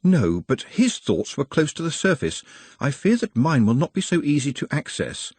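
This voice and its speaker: A man's voice: fairly high pitch, very animated, normal speed, darkish tone, slightly rough, no echo, pitched above the performer's own voice. A man voicing a polite, anxious young male goblin who speaks formally and stutters slightly. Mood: earnest, worried.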